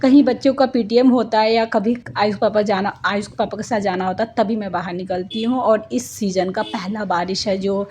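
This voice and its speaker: A woman's voice: mid-range voice, fairly even intonation, normal speed, few pauses, a little mellow, slight background noise. A woman in her thirties from India, narrating her family vlog in a chatty, rambling way full of homely asides. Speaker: family vlogger, mother.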